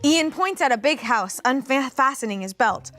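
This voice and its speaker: A woman's voice: high voice, animated, normal speed, a bit bright, faint music behind. A woman narrating a fan-fiction story aloud for comedy, amused and often laughing.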